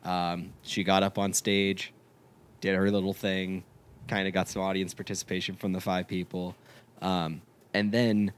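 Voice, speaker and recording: A man, a podcast co-host chatting casually and telling anecdotes in a candid, halting, crude-humored way. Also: sits low, level tone, smooth.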